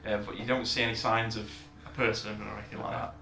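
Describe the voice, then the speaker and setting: A man narrating as dungeon master, relaxed and hesitant with many fillers. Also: lowish voice, fast, vocal fry, reverberant, a little hiss or hum. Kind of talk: narrating a tabletop game.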